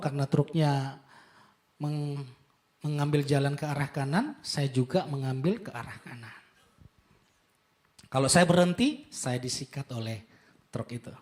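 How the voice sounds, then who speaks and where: A male pastor delivering a sermon, telling a story with dramatic swings from hushed to impassioned. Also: high-pitched. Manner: dramatic, moves from soft hushed tones to loud impassioned climaxes.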